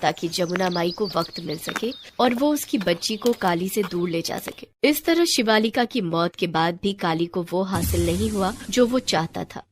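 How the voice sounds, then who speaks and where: A woman narrating a children's storybook tale in a lively, dramatic way. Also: on the low side, moderate pace, hardly any pauses, background noise. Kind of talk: scripted narration.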